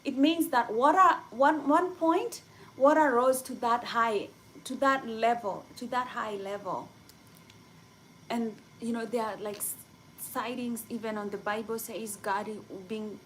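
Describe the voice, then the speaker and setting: Slow-talking excitable woman from Kenya. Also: mid-range voice, a little hiss or hum, low-quality recording. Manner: rambling, many "like" fillers, excitable. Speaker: livestreamer chatting with viewers. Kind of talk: casual live chat.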